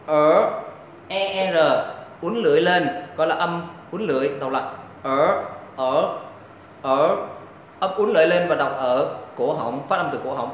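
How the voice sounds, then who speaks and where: A man teaching pronunciation, patiently drilling syllables and repeating each one loudly. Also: on the high side, brisk. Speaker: language teacher. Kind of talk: pronunciation lesson. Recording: very echoey room, faint background noise.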